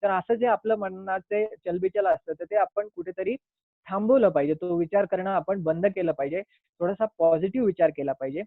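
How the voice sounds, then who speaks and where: This doctor's voice sits high and moves at normal speed, with no echo, though the line sounds tinny, like a phone. His health talk is earnest and explanatory, and now and then he performs short quoted scenes.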